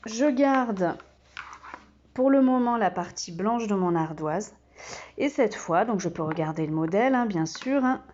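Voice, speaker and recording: Slow, patient woman teaching. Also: medium pitch, lively intonation, a little mellow, dull audio, slight background noise. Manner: patient, with many fillers. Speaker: kindergarten teacher. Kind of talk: slow step-by-step demonstration.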